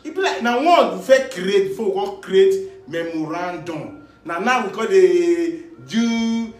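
A man's voice: sits high, a little slow. A man with a Nigerian Pidgin accent telling a comic story, chuckling often as he goes. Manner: animated, chuckling through his tale. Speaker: comedian. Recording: roomy echo.

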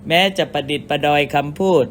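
Thai Buddhist monk giving a sermon. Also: male voice, a little hiss or hum. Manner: measured, explains with everyday comparisons. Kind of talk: dharma sermon.

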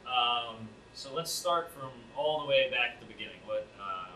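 A man's voice: medium pitch, moderate pace. Man interviewer, off-mic, echoey studio, background noise. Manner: friendly, hesitant questions, frequent "yeah" and "mm-hmm" backchannel. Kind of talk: casual interview questions. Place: indoor art studio. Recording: roomy, distant, noisy.

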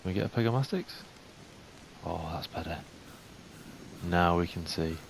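A young man giving casual game commentary, chatting to the animals in the game and getting jumpy and excitable. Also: low voice, normal speed, vocal fry. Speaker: gaming YouTuber. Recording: faint hiss.

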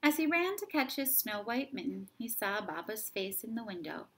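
A middle-aged woman reads a children's story aloud as a story time host, with deliberate, expressive phrasing for young listeners. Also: a little high, a little hiss or hum. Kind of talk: read-aloud picture book narration. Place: indoors at home, sitting by a stone fireplace.

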